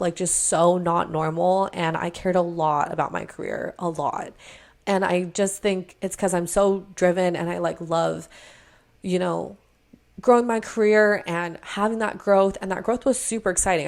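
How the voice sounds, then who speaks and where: A woman's voice: on the low side, vocal fry, darkish tone. A woman in her twenties talking casually and earnestly in a sit-down podcast-style vlog, filling her sentences with "like" and "you know.". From Hawaii. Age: 20s. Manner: chatty, filler-heavy, earnest. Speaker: vlogger. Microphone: camera mic, sit-down framing.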